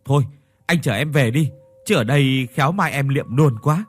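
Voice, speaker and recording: A man's voice: mid-range voice, normal speed, faint music behind, voice pushed up, natural voice. A man voicing a panicked young man who stammers and pleads in a ghost story. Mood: pleading.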